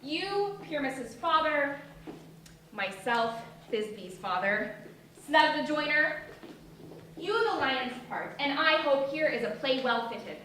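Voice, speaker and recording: A woman's voice: high-pitched, expressive, takes it slowly, pushed and bright, heavily acted. A woman playing an earnest, firm troupe organiser, declaiming in a Shakespeare stage comedy. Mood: businesslike. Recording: echoey hall, distant mic, faint noise.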